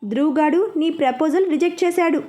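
A man's voice: very high-pitched, brisk, warm tone. A woman voicing a blunt, dismissive young male student who wants nothing to do with love, speaking curtly and with threats. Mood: scornful.

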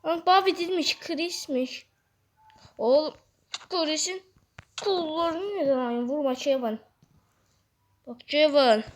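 High-voiced woman calling out gameplay. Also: a little slow, long pauses. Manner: talks straight to viewers, yelps commands, drops to hushed asides. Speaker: gaming video host. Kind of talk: excited gameplay commentary.

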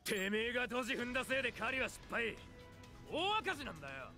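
A hot-tempered male game bully, taunting in a raised, lively voice. His delivery is aggressive and rough-mouthed, with music clearly behind it. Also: very high voice, fairly quick, heavily acted. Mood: jeering. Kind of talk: Japanese anime game voice acting.

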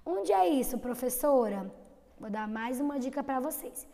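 A woman teaching young children in an online lesson, with a Brazilian accent, stretching out syllables slowly. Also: sits high, expressive, gravelly, warm tone, in a large hall. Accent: Brazilian Portuguese. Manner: slow, drawn-out syllables for children. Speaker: kindergarten teacher.

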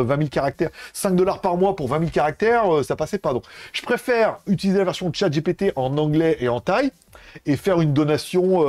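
A man's voice: a little high, a little mellow, no echo. A man hosting a tech livestream, talking casually and rambling with lots of fillers and restarts. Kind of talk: casual live chat with viewers.

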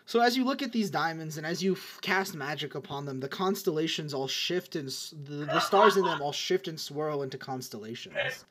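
A man's voice: a little high, lively intonation, normal speed, heavy background noise. A young man as game master of an online tabletop game, describing scenes in a rambling way with many restarts.

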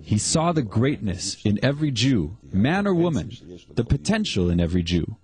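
Older man explaining with animated pitch. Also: normal speed, a crowd in the background. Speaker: interviewee. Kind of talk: documentary interview.

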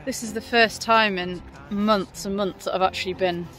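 A woman's voice: medium pitch, fairly even intonation, normal speed, fairly bright tone, faint music behind. A young woman chatting casually on a travel vlog, thinking aloud with fillers as she films on a phone at arm's length outdoors on a canal boat. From England. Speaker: vlogger.

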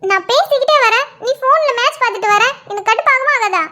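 A woman's voice: very high voice, animated, quick pace, bright, forceful tone, exaggerated voice. A woman voicing a young cartoon girlfriend who teases and nags, twisting every reply into a complaint. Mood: teasing complaint. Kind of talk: cartoon voice acting.

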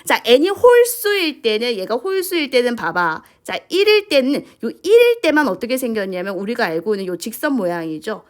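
Female math teacher, animated pitch, high-ish voice, prompting students with constant questions. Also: normal speed, few pauses. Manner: lively, keeps asking questions and prompting with "자". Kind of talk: lecture to students.

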